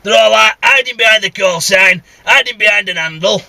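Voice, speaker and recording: Driving along, a Northern English CB radio vlogger grumbles, swears and rambles bluntly in a casual monologue. His high voice is creaky with a sharp tone, his pace brisk, and the recording is dry and captured inside the vehicle.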